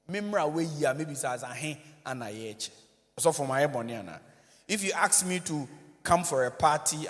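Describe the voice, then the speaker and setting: Ghanaian preacher guy, high voice, lively jokey talk to a crowd, big echoey hall. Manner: animated, joking, code-switching, addresses audience directly. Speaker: church minister. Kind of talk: conference talk mixing English and Twi. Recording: long reverb of a large hall.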